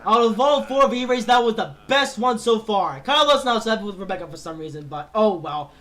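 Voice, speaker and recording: A man calling a race as commentator, excitable and tripping over names before correcting himself. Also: high-pitched, a little fast.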